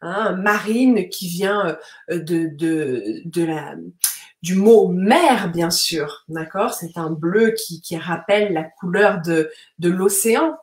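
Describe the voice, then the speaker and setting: Slow, patient woman teacher in a roomy echo. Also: fairly low pitch, a little mellow. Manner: patient, slow explanations with frequent fillers and tag questions. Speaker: French teacher. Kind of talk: live-streamed vocabulary lesson, reading viewer comments.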